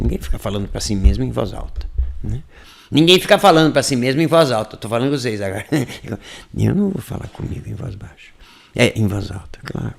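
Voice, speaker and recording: A man's voice: fairly high pitch, vocal fry. A Brazilian man teaching English in a live online class, explaining in Portuguese and whispering sample phrases.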